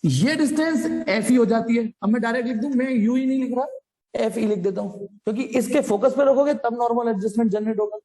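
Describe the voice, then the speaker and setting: A man's voice: extremely high pitch, fast talker, warm tone. A man teaching a physics class live, explaining problems in a jokey, chatty way and calling his students "beta". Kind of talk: live online class lecture. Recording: long reverb.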